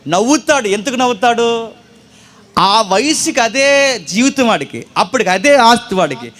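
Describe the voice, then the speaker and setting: Male preacher, high voice, storytelling sermon style with questions to the crowd. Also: lively intonation, moderate pace. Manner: storytelling, asks the audience questions, wide swings in loudness and pace. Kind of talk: sermon to young people.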